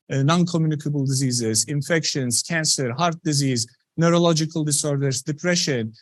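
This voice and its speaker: Scientist, man in his thirties, earnest and conversational public lecture, fairly high voice, dry close sound. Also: no echo. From Turkey. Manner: earnest, conversational, many "you know" fillers. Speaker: scientist presenting research.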